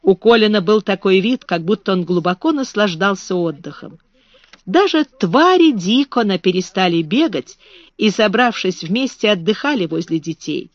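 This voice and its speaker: A woman narrating a children's storybook in an expressive reading voice. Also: medium pitch, normal speed, no echo, lo-fi sound. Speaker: audiobook reader.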